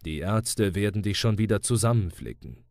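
Stubborn adventurer hero read by a man, firm, reassuring, lowish voice, dry close sound. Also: expressive, normal speed, darkish tone, dry recording. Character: tough male adventurer, hasty and stubborn. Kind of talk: audiobook reading.

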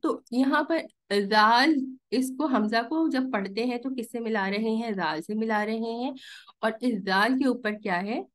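A woman's voice: on the high side, unhurried. A woman teaching a live online recitation class, patiently explaining rules step by step and checking in with her students. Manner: stretches recited vowels to counted lengths.

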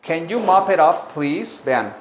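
Slow, patient male English teacher. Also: on the high side, sing-song, a little hiss or hum. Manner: repeats phrases slowly, explains in Spanish. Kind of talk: bilingual language lesson. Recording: echoey room.

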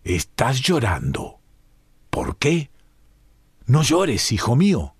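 A man voicing a fierce old male colonel with a booming, gruff way of asking. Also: wildly swooping pitch, slow, no room sound, clean studio sound, full character voice. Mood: tender.

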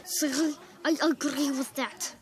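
A woman's voice: sits high, steady tone, a little slow, noisy background. A woman improvising voices for soldiers in a homemade game video, rambling and goofy with lots of "like" and "uh". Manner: rambling and goofy, heavy use of "like" and "uh". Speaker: amateur video maker voicing game soldiers. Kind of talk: improvised game machinima voice-over.

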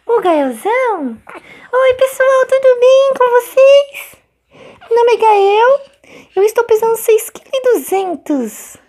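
A woman's voice: very high-pitched, very animated, slow pace, a little mellow, voice pushed up, heavily acted. A woman voicing a cheerful chubby infant boy in squealing, sing-song baby talk with a Brazilian Portuguese accent.

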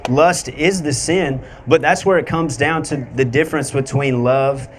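A young man street preaching outdoors on a handheld microphone, arguing haltingly and repeating his words. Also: medium pitch, noisy background. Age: young adult. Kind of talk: street debate. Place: outdoor festival plaza.

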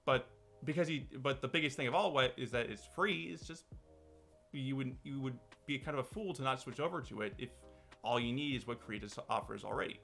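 A man hosts his own channel, talking casually to camera in a rambling way with many restarts. His medium-pitched voice is fairly quick, gravelly, and a bit bright, over soft background music.

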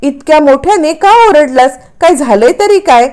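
A woman's voice: high-pitched, lively intonation, normal speed, a little mellow, pitched above the performer's own voice. A woman voicing a fretting middle-aged mother who scolds and worries over her son.

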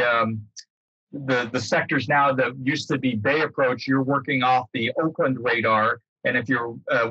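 An older American man, a former air traffic controller appearing as a guest speaker, explains something informally over a video call, rephrasing himself as he goes. His mid-range voice is pushed, bright and slightly rough. He sits in a book-lined room at home, and the computer mic gives dull, roomy, lo-fi sound.

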